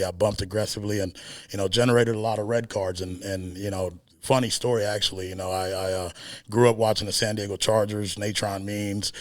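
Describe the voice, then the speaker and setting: A man from South Sudan, a high school football head coach, giving a media day interview in a measured, earnest way with many filler pauses. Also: no echo.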